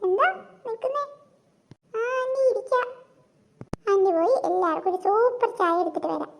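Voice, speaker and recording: A woman's voice: extremely high pitch, animated, moderate pace, vocal fry, slight background noise, exaggerated voice. A woman voicing a caring cartoon mother who frets and dotes over her children. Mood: doting. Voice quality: fretting, doting. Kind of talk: Malayalam cartoon dubbing.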